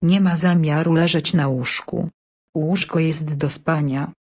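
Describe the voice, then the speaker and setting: A woman's voice: deep voice, steady tone, a little slow, a little mellow, breathy edge. A woman voicing a young girl from a school primer who patiently teaches manners. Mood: instructive.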